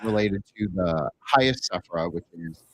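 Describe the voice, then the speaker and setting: A man talks on a video call through a faulty mic that muffles him as if he were behind a wall. His voice sits low and sounds husky. He hesitates, corrects himself and apologizes as he goes. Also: expressive, moderate pace, fairly bright tone, no room sound, rough recording. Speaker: co-host. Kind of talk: casual video call discussion.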